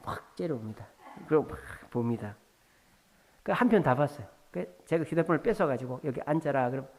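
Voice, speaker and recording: A male pastor preaching a sermon with lively storytelling, acting out the people in his anecdotes. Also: medium pitch. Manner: animated, acts out dialogue in storytelling. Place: church sanctuary. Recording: church hall with long reverb.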